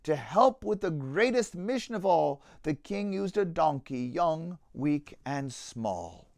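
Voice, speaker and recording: Like a pastor at storytime, a man with a high, gravelly voice reads a children's storybook aloud, slowly and theatrically, with a rhythmic cadence and very lively intonation. The recording is dry, with no room echo.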